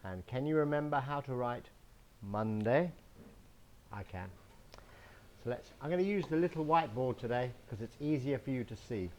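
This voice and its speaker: This is a man from England with a medium-pitched, expressive voice and a somewhat dark tone. He's teaching young children a slow English lesson in a home garden outdoors, spelling words one letter at a time.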